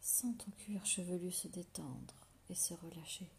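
A woman whispers a guided meditation right in the listener's ear, low and creaky. She gives slow, soothing relaxation cues with long pauses between them. There is faint noise behind her voice.

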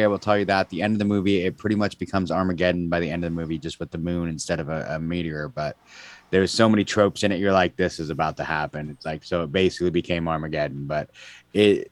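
Deep american guy co-hosting a podcast, laid out casual chat, dry recording. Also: dry recording. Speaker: podcast co-host.

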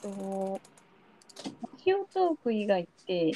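A woman's voice: medium pitch, sing-song, slow pace, mellow. A young adult woman hosting a podcast, chatting casually as she interviews a guest. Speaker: podcast host.

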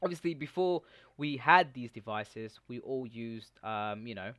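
A man's voice: medium pitch, lively intonation, unhurried, fairly bright tone, no echo. A young man co-hosting a podcast in informal, bantering casual chat. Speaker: podcast co-host.

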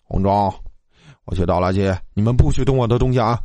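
A man's voice: fairly low pitch, a little fast, warm tone, dry recording, pitched below the performer's own voice, lightly acted. Man playing a hot-tempered superstitious student. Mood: angry. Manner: gruff, swearing.

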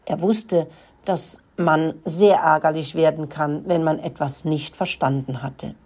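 Storyteller, woman, breathy husky voice, gentle children's reading. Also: sits low, fairly even intonation, a little slow.

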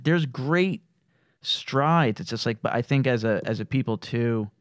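A man's voice: mid-range voice, a little slow, no room sound, studio quality. A man hosting a casual podcast roundtable, talking in a rambling way full of fillers and swearing. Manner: rambling, heavy on fillers and profanity.

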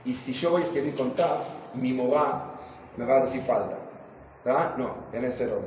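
A man, a rabbi giving a lively Torah class in a synagogue, quizzing his listeners and joking with them. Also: medium pitch, normal speed, slight background noise. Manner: jokes and quizzes the audience with questions. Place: synagogue hall. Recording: echoey hall, dull lo-fi sound.

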